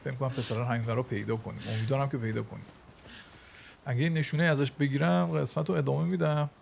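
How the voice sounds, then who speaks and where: A man, chatting excitably to his viewers as he plays and comments on a video game. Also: medium pitch, gravelly, slight background noise. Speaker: gaming YouTuber. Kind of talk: let's play commentary. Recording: game music playing behind.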